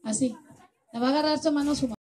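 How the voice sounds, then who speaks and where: A woman with a Mexican accent hosting party games for children as a clown, playful and joking, often shouting commands. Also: sits high, very fast, rough recording.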